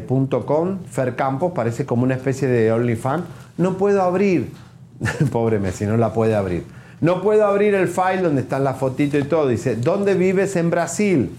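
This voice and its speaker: A man co-hosting a gossip show, chatting quickly and teasing his co-host. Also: a little high, animated, dark tone, a little hiss or hum. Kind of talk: casual gossip chat.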